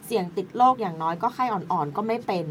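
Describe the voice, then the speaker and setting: Quick, chatty female co-host reading posts aloud, faint background hiss. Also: on the low side. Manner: chatty, reads in long runs.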